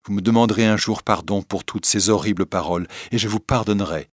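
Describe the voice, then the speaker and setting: A man reading a hushed, secretive young woman. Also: a little fast, no echo, studio quality, lightly acted. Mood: pleading. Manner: low, hushed, strange tone.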